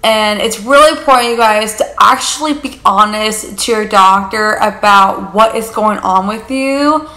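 A woman's voice: medium pitch, measured pace, few pauses, sharp tone, reverberant. A young woman talking to camera in a casual vlog, rambling chattily and filling her talk with "like" and "you guys". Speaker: vlogger. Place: living room on a leather couch.

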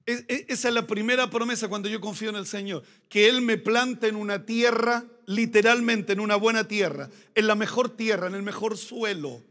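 Male pastor, high voice, emphatic sermon delivery with heavy repetition. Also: fairly even intonation, moderate pace, hardly any pauses, a bit bright. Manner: emphatic, repeats phrases for emphasis.

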